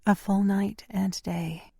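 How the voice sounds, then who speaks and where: In an audiobook, a man performs a frightened, confused young woman, pitching his voice high above his own in an exaggerated, creaky, darkish tone with a breathy edge. He speaks slowly and anxiously in a raised, questioning voice with fairly even intonation. The fearful read is studio quality with no echo.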